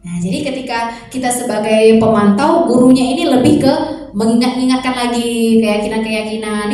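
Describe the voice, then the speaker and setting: A woman teacher and mother calmly explaining a classroom lesson, posing many rhetorical questions. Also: a little high, slight background noise. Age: adult mother. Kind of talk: sharing a lesson reflection. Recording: echoey room, voice far from mic.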